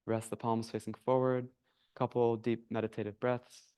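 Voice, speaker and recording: A man teaching a yoga class, calmly guiding breath and movement. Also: medium pitch, normal speed, smooth. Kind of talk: guided yoga class instruction. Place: yoga studio.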